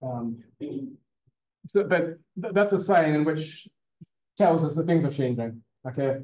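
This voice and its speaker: A man's voice: a little high, a little slow, darkish tone. A male university lecturer giving a classroom lecture in a conversational way, often checking in with "okay?" and fillers. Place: lecture room. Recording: roomy, dull lecture-room recording.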